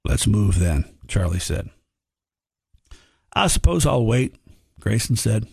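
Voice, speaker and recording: A man's voice: lowish voice, big pitch swings, takes it slowly, gravelly, a little mellow, breathy edge, dry recording, clean studio sound. A man reading a frontier horror story aloud, voicing the prospectors' dialogue in a folksy drawl. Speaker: narrator.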